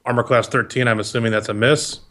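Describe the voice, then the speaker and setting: A man running a tabletop game as game master, improvising narration in a halting, conversational way. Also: mid-range voice, fairly even intonation, a bit bright.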